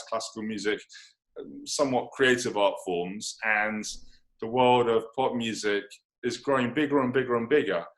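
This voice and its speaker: A British-accented man hosts a radio interview at an even, mid-level pitch. He builds long, winding questions, adding asides as he goes. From United Kingdom.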